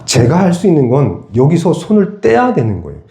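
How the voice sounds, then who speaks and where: A man's voice: on the high side, wildly swooping pitch, a little fast, dark tone, reverberant. A pastor preaching a sermon in a church. He keeps asking the congregation questions and answers them himself. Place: church sanctuary.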